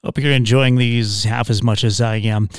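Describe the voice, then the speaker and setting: A man's voice: mid-range voice, fairly even intonation, normal speed, clean tone, no echo. Dry-sounding man hosting a podcast. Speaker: podcast host. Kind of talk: podcast introduction, informal presenting.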